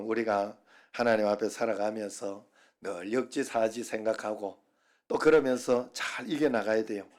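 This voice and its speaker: A man's voice: medium pitch, a little mellow. A middle-aged man preaching a Sunday sermon, folksy and humorous, telling dialect jokes to the congregation. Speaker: pastor.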